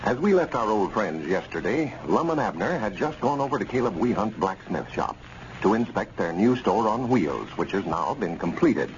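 A male announcer narrates in the folksy manner of 1930s and 40s radio. His delivery swings widely in pitch. The recording is muffled, with light background noise. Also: very animated, moderate pace.

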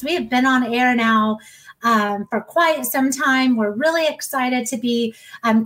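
A woman in her thirties hosting a podcast in an enthusiastic, warm way, with frequent ums. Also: high voice, rough recording. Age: 30s. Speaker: podcast host. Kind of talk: casual podcast talk.

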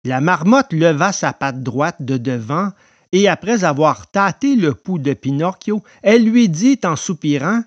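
Man, storybook narrator, expressive, slightly high voice. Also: measured pace, no echo, dull audio.

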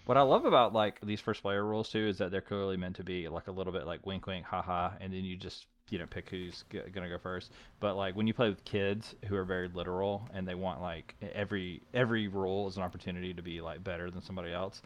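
Chatty low-voiced man podcasting. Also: level tone, fast. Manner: chatty, lots of likes and fillers. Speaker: podcast host. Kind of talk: casual board game podcast chat.

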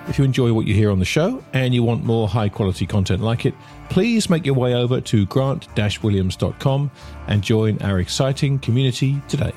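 A man's voice: medium pitch, expressive, mellow, soft background music. A man hosting a finance podcast, reading a polished scripted intro and then interviewing a guest. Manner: polished, measured delivery. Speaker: podcast host.

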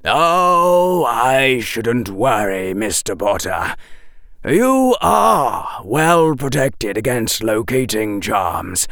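Guy doing a dry cynical wizard professor for an audiobook, really slow and deliberate, pitch swings around a lot. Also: big pitch swings, creaky, fairly bright tone, no room sound, full character voice. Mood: wry, reassuring. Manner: measured, condescending, formal, deliberate. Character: dry, stern, cynical male professor of defense magic. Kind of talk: audiobook character dialogue.

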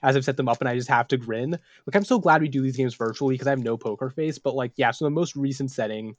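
A man co-hosting a podcast as game master, telling tabletop stories in an animated, casual way. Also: mid-range voice, fast talker, dry recording. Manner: animated, acts out characters while telling stories.

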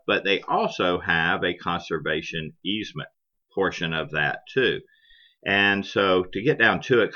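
A middle-aged or older man from Florida, a cattle rancher, explaining things conversationally in a plain-spoken, measured interview style. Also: low-pitched. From Florida, United States. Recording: dull lo-fi podcast audio.

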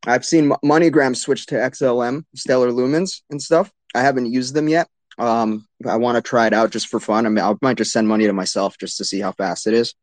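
A man's voice: medium pitch, steady tone, brisk, no echo. A man hosting a casual, hyped live talk show in frat bro slang, swearing freely. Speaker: crypto show host.

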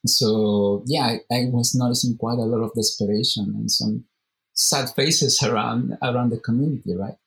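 A man's voice: mid-range voice, steady tone, moderate pace, creaky, fairly bright tone, poor audio. A man who organizes a meetup, answering interview questions in a thoughtful, searching way and often repeating words as he finds his phrasing. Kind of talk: casual interview conversation.

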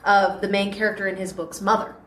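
Laughing frequently, this woman in her thirties, herself a podcast host, chats casually while being interviewed at a convention panel. Her mid-range voice stays level and quick, and the recording has a roomy echo with a little background noise.

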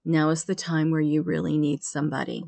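A woman's voice: low voice, little pitch movement, fairly quick, gravelly, a little mellow, no echo. A woman hosting a podcast, talking in an earnest, encouraging way. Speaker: podcast host. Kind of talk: motivational podcast talk.

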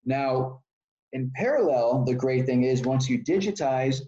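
A man from Texas, a startup founder, walks through his story in a loose, conversational way, full of fillers and restarts. The recording sounds dull and lo-fi, as if the high end has been shaved off. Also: lively intonation, measured pace, warm tone. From Texas, United States. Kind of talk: conversational interview answers.

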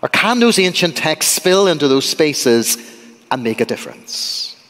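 A middle-aged man from Ireland with an Irish accent, preaching a sermon in a church with lively, humorous asides to the congregation. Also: a little high, a little slow. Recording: long church reverb.

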